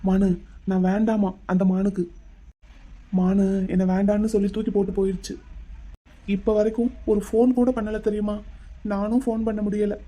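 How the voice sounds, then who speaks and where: Rich: a heartsick young man in a cartoon romance, musing aloud to himself. His voice sits high for a man but sounds very dark and mellow. He broods more than he speaks outright. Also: level tone, normal speed, long pauses. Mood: wistful. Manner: brooding, talking to himself and to a lamb. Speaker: male lead of a cartoon love story. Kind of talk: cartoon voice acting.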